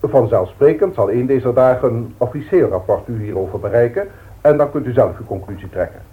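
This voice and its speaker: A Dutch-accented actor delivers a stern, grave boardroom address as a pompous, verbose company director in a 1960s radio play. His male voice is mid-range, expressive, and lightly acted, speaking in measured tones, and the old recording sounds thin and phone-like.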